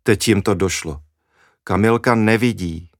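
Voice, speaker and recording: A man reading a children's story aloud in a lively, expressive way. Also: lowish voice, dry recording, studio quality.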